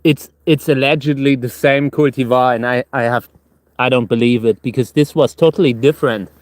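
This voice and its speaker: Numb-tongued man, halting livestream chat. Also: mid-range voice, steady tone, no echo. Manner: halting, repeats and restarts words. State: tongue numb and cramping from hot chili, struggling to talk. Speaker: livestream host. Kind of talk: casual rambling gardening livestream.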